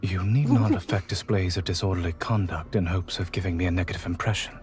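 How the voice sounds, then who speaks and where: An actor playing a reserved, formal young noble bachelor in a game, speaking in stiff, old-fashioned phrasing with a refined accent. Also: male voice, sits low, fairly even intonation, quick pace, a little mellow, soft background music, lightly acted. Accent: non-standard refined accent. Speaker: game character voice.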